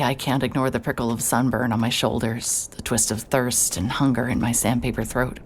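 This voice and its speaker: An actress with a very deep voice narrates in first person as the lead character, a sarcastic, guarded woman investigator who swears when upset. There's a little hiss or hum on the recording.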